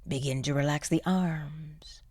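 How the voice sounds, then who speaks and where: This guided sleep meditation comes from a woman whose low, soft, breathy voice often drops to a near-whisper, soothing and patient with gentle encouragement. Her intonation stays fairly even, and the studio sound is clean with no echo.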